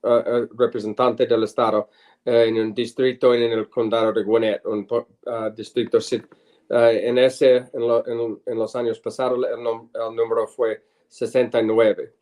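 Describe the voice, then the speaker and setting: Here a middle-aged man, a lawyer and former state senator, fields an interviewer's questions as a guest, his voice ordinary in pitch, level, and somewhat dark. Working in Spanish rather than his native English, he stops, restarts, and hunts for the right words.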